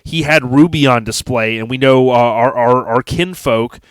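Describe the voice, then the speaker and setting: A man's voice: medium pitch, moderate pace, clear, resonant tone, dry recording. An American man hosting a casual podcast chat, talking enthusiastically and speaking straight to his listeners. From United States. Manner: enthusiastic, addresses listeners directly. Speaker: podcast host.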